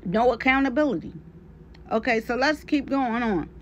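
A woman's voice: fairly high pitch, lively intonation, moderate pace, slight background noise. Woman commentator, blunt and scolding, reading a letter on camera. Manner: blunt, scolding, talks straight to the person addressed. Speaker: commentary vlogger. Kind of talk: reading a letter aloud and reacting.

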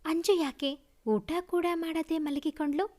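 A woman's voice: high voice, unhurried, darkish tone. A woman voicing an affectionate young husband who coaxes and teases his wife in a storybook reading. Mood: tender coaxing. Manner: coaxing, tender.

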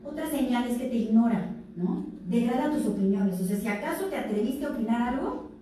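A woman's voice: on the high side, animated, brisk, warm tone. Echoey Mexican woman giving a youth talk. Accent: Mexican Spanish. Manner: conversational, acts out quoted abusers and victims. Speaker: speaker at a health fair talk for teens. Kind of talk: informal lecture to teenagers. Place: event room. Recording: very echoey room, distant mic, faint noise.

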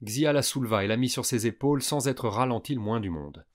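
A man calmly narrating a science fiction audiobook for young listeners. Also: mid-range voice, fairly quick. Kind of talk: scripted narration.

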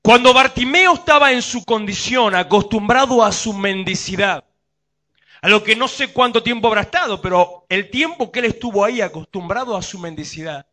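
Male pastor, Rioplatense accent, lively sermon delivery with a bright, forceful tone. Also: high-pitched. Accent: Rioplatense Spanish. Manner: preaching with rhetorical questions to the congregation.

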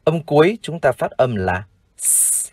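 A man with a Vietnamese accent teaching English vocabulary in a formal, slow lesson style, repeating each word for practice. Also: mid-range voice, sing-song, no room sound. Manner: formal, addresses "dear viewers", repeats words slowly for practice.

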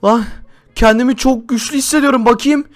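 A young man hosting a Minecraft role-play, talking to viewers and often shouting excitedly. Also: very high-pitched, brisk, soft background music. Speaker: YouTuber host.

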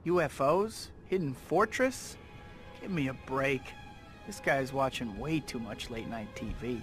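A man's voice: mid-range voice, lively intonation, a little slow, close to an everyday voice. A man playing a young, cocky, wisecracking superhero in a video game cutscene, with a sarcastic, quippy manner. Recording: loud music over the voice.

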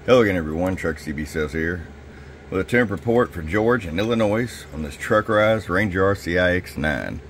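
A man's voice: low voice, expressive, fairly quick, slight background noise. A man who runs a radio shop, giving a casual tune-up report in a folksy, chatty way and speaking straight to his customer.

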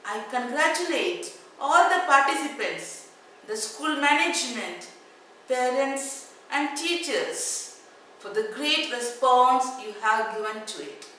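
A middle-aged woman with an Indian accent giving a formal prepared announcement in a stiff, measured, memorized-sounding way. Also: high voice, lively intonation, sharp tone. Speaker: nun, regional superior. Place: indoor office with wooden bookcases. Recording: roomy echo, faint noise, distant mic.

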